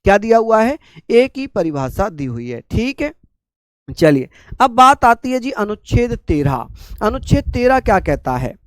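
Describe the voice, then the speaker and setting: A man from India, suffering from a sore, infected throat, teaches a live online class slowly and calmly. He repeats his points and puts questions to his students. His voice is high and there's no echo.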